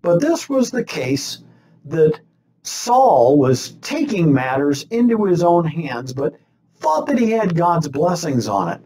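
A man in his sixties, a pastor, giving a deliberate sermon to a webcam from a small chapel set. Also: a little hiss or hum. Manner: slow, deliberate preaching with lively rising and falling pitch. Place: small chapel set with stained-glass backdrop, indoors. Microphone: webcam facing him at desk distance.

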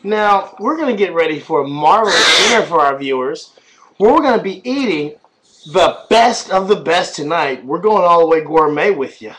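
A man's voice: fairly high pitch, moderate pace, a little hiss or hum, low-quality recording. A man in his thirties, a father talking playfully to his baby while filming a home vlog on a webcam. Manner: animated, singsong baby talk. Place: small room at home, indoors. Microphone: webcam at arm's length.

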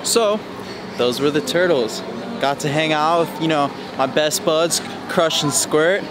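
A man's voice: a little high, a little slow, heavy background noise. A young man in his twenties talking laid-back and slangy to a handheld camera while hiking and at the beach. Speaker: travel vlogger. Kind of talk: casual travel vlog. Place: outdoors on a hiking trail and beach. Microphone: handheld action camera at arm's length.

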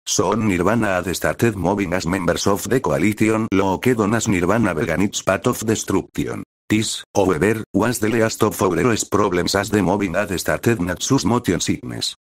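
A man narrates a fan fiction story in a steady, even reading voice. His voice sits fairly low, and the sound is close and dry with no room around it. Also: normal speed, few pauses, no echo. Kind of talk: fan fiction read aloud.

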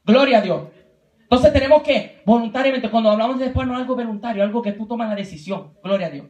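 A man's voice: extremely high pitch, fast, a little mellow. A man preaching a sermon at a youth retreat in a church, often breaking in with praise exclamations and dropping in English words. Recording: echoey church room.

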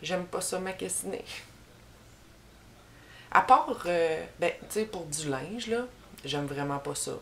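Her pitch fairly low but her tone fairly bright and expressive, a young woman from Quebec chats casually through a tag video in a Québécois French accent. She rambles unhurriedly, pausing on fillers, and a little hiss or hum is audible. A front camera shows her head and shoulders in a small room with a bookshelf behind.

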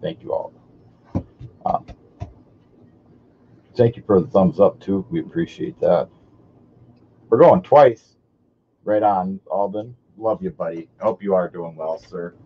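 A man's voice: deep voice, fairly even intonation, measured pace, long pauses, breathy edge. A man calling a live online coin auction, chatty and greeting bidders by name. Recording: dull audio with faint hiss.

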